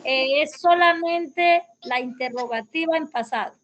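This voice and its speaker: A woman's voice: sits high, unhurried, fairly bright tone, highs cut off, slight background noise. A woman teaching English grammar over a video call, explaining patiently step by step. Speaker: English tutor.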